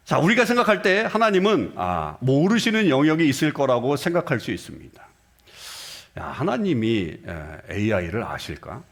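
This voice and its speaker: A middle-aged man preaching a sermon as senior pastor, asking the congregation rhetorical questions and acting out short dialogues. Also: mid-range voice. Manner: acts out short dialogues with shifting voices. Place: church sanctuary.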